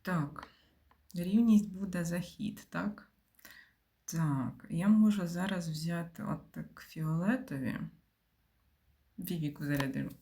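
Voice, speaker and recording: A woman's voice: lowish voice, takes it slowly, long pauses, warm tone. A woman giving casual commentary while playing a puzzle game, thinking aloud and often dropping to a mutter or whisper. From Ukraine. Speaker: game streamer.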